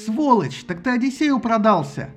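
A man voicing a furious, hot-headed male warrior who shouts in rage in an audiobook. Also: sits high, a little fast, soft background music. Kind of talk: audiobook character voice.

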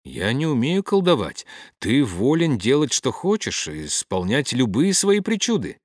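A man reading the part of a gentle, patient young priest in an audiobook. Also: mid-range voice, measured pace, dry recording, clean studio sound, pitched above the performer's own voice. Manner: soft and calm.

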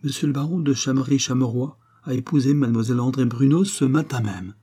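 A man's voice: mid-range voice, fairly quick, warm tone, husky, pitched above the performer's own voice, natural voice. A man voicing an indignant young nobleman. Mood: grave. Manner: earnest, emphatic. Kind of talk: audiobook character reading.

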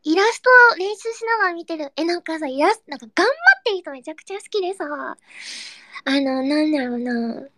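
A young woman hosting a casual live audio chat, reading listener comments in a cutesy, excitable way and breaking into squeals and giggles. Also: sits high, a little fast, dry recording, studio quality. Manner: cutesy, baby-talk endings.

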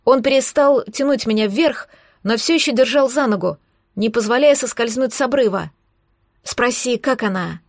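Higher-voiced woman narrating a novel. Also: normal speed, no room sound, clean studio sound. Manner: steady, expressive first-person reading. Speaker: audiobook narrator.

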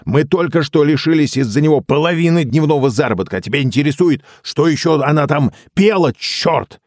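A man voicing a brash young man who speaks loudly and with exasperation. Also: fairly high pitch, lively intonation, fairly quick, dry recording, studio quality, voice pushed up, close to an everyday voice. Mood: indignant. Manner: loud and exasperated.

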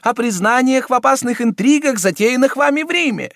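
A man voicing a wrathful, scheming elderly Italian cardinal who shouts and hectors. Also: very high voice, lively intonation, a little fast, no echo, studio quality, voice pushed up, exaggerated voice. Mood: insistent.

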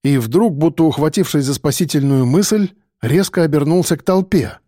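A man's voice: fairly high pitch, normal speed, mellow, no echo. Male audiobook narrator, dramatic storytelling, dry close read. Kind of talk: scripted narration.

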